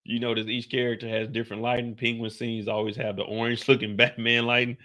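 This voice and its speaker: A reaction video host talks fast and flatly in a mid-range voice that sounds pushed and bright. He offers casual, slangy commentary on a TV episode, speaking to the screen with a mild stutter.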